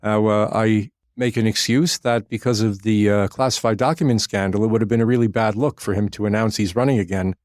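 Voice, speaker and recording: A man co-hosting a political podcast, talking in a measured way with frequent pauses. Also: lowish voice, steady tone, a little mellow, dry recording, clean studio sound. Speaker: podcast co-host.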